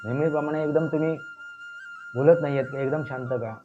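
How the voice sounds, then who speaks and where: A man's voice: fairly high pitch, brisk, lightly acted. A man voicing an insistent young man who has just come home, speaking in his own plain voice. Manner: insistent, pleading. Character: young man returning home, puzzled then angry. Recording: dull lo-fi recording with faint music.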